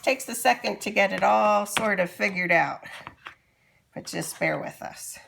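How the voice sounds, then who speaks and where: A woman teacher giving a slow, patient cooking demonstration for young children in a kitchen. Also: mid-range voice, creaky, reverberant, background noise. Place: kitchen with running water.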